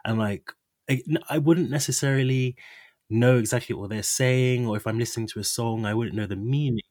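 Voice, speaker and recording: A man hosting a casual talk, relaxed and conversational, who fills his sentences with "like". His pitch is ordinary for a man. The sound is close and dry. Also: a little fast, no room sound. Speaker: host. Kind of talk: casual chat.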